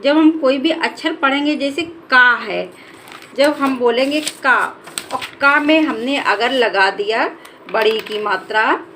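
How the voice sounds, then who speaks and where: Woman, teacher, high voice, slow delivery, children's reading lesson, drawn-out syllables. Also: bright, forceful tone, a little hiss or hum.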